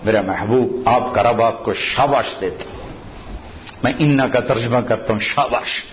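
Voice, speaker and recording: Preacher with a lilt. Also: male voice. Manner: storytelling, recites Arabic verses in a low measured voice. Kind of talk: sermon. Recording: dull lo-fi with faint noise.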